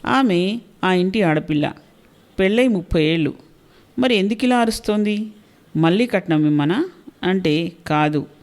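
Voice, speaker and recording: A woman's voice: mid-range voice, a little mellow. Woman storyteller reading a short story. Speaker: storyteller and channel host. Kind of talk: scripted story narration.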